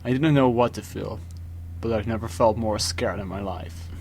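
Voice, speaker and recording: A man reading a scripted first-person horror story, dramatically, with pauses for suspense. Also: fairly low pitch, a little mellow, slight background noise. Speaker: creepypasta narrator. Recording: music behind the voice. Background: music.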